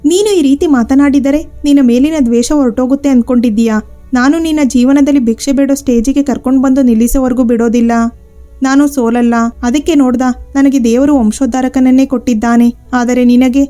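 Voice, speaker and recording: A woman's voice: sits high, steady tone, brisk, mellow, soft background music, lightly acted. A woman storyteller voicing a bitter, taunting young sister-in-law in a spoken storybook. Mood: vengeful.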